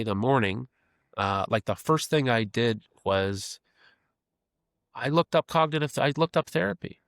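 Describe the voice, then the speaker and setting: A man's voice: medium pitch, dry recording, clean studio sound. A man of fifty talking as a podcast guest, earnest and reflective, often repeating phrases as he thinks. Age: 50s. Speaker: podcast guest, creative executive. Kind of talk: casual reflective interview talk.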